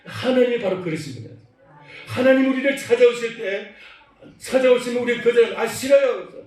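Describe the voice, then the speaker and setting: A man with a high voice preaches a sermon, lively and theatrical, acting out bits of dialogue and quizzing his listeners. His voice rings through a very echoey church hall, picked up from well away from the mic. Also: fast talker, distant mic. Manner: animated, acts out dialogue, asks the congregation questions. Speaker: pastor. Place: church sanctuary.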